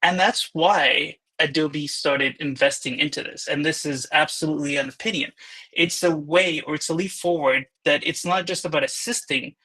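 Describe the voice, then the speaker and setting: A man's voice: on the high side, normal speed, sharp tone, slightly rough, low-quality recording. A man giving a casual, opinionated webinar presentation, talking conversationally with frequent restarts.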